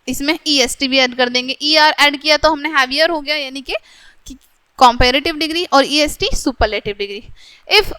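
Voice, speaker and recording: A high-pitched woman teacher works through a grammar lesson, reading each rule slowly before explaining it in plainer words. Her voice is close and dry, with little room sound around it. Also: pushed and bright, no echo. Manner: reads English rules slowly, then explains them in Hindi with frequent "theek hai". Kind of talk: classroom grammar lecture.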